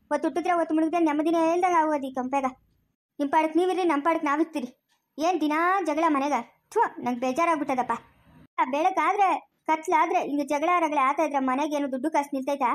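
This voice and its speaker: Woman, one-woman family quarrel drama, rapid and bickering. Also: high-pitched, steady tone. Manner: scolding, quarrelsome, switches between characters. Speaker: solo actor playing a whole family.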